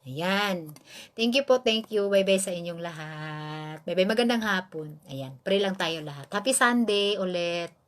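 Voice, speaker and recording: A woman from the Philippines giving earnest, emphatic commentary on a casual livestream, often pausing to ask rhetorical questions and restarting her sentences. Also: lowish voice, a bit bright. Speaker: livestream host.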